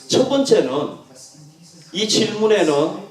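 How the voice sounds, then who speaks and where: Animated male pastor preaching in an echoey church. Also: sits high, slow pace. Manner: earnest, emphatic, swings from loud to soft. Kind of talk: sermon. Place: church sanctuary. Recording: echoey church room from a distance.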